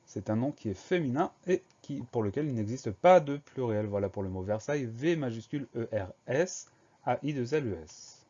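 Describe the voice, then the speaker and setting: A young man teaching a spelling lesson, spelling words out letter by letter with slow, careful dictation. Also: medium pitch, animated, mellow, highs cut off.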